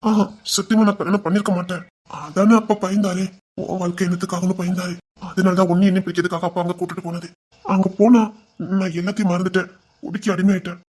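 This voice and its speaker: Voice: mid-range voice, flat delivery, quick pace, darkish tone, breathy edge, close to an everyday voice. A voice actor playing a young husband who earnestly confesses his past temper in an audio drama. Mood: confessing. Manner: earnest, confessional, then teasing. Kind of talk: Tamil audio drama acting.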